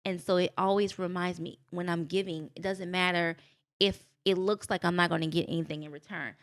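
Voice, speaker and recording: A woman chatting as a podcast guest, recounting her own story with energy. She talks casually, and her voice leaps upward whenever she acts out what others said. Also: fairly quick. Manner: animated storytelling, jumps into high voices for quotes.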